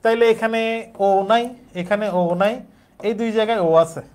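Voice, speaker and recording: High-voiced man teaching grammar. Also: steady tone, moderate pace. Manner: explains step by step, repeating words aloud. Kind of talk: exam-prep Bengali grammar lesson.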